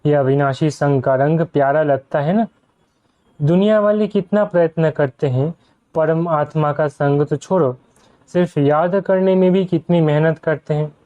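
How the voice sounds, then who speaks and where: A man's voice: on the high side, unhurried. A man giving a spiritual discourse to a gathered audience, often putting rhetorical questions to his listeners. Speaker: spiritual speaker. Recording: dull lo-fi recording.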